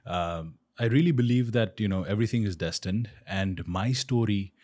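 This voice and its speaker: A man in his twenties from Nepal, a guest on a podcast, answering calmly and reflectively into a studio mic. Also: lowish voice, moderate pace. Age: 20s. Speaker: spiritual guest. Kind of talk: interview answers. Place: studio set with shelves, indoors. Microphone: desk-mounted podcast mic.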